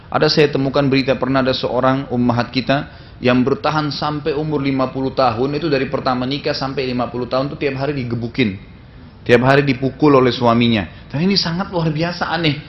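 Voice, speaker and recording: A man's voice: mid-range voice, slight background noise. Male preacher in a dull lo-fi recording. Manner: conversational storytelling with frequent tag fillers. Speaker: Islamic preacher. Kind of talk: sermon lecture.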